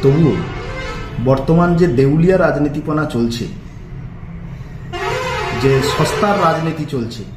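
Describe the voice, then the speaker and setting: A man with a West Bengal Bengali accent making an emphatic, rhetorical political statement to the press. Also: a little high. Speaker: local politician. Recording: echoey room with faint music.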